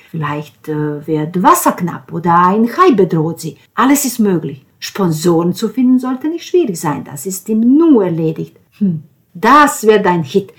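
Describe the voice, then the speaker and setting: A woman reading aloud, voicing an excited middle-aged male TV producer and doting father who gushes loudly and breathlessly. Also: medium pitch.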